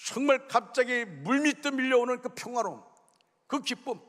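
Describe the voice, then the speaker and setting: A middle-aged man preaching a sermon as senior pastor, telling a personal story with emotion, dropping to a hush and then rising fervently. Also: very high-pitched, animated, moderate pace. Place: church sanctuary. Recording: long reverb of a church hall.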